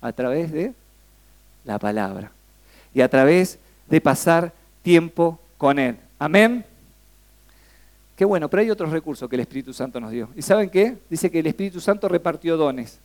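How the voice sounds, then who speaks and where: A man's voice: a little high, moderate pace. A young man with a Rioplatense accent preaching a sermon, talking conversationally and peppering the congregation with questions. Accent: Rioplatense Spanish. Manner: asks the congregation frequent questions, lively and conversational.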